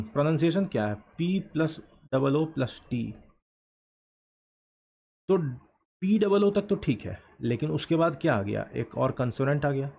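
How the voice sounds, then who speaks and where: In a classroom style, a man teaches a shorthand lesson, asking questions and then answering them himself while slowly repeating words for emphasis. His voice is medium-pitched and warm.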